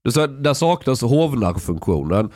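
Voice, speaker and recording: A man's voice: mid-range voice, very animated, darkish tone, dry recording, studio quality. A man on a podcast, chatting casually, jumping in and arguing his point at length. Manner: opinionated, interjects and argues a point. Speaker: podcast host. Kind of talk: casual chat.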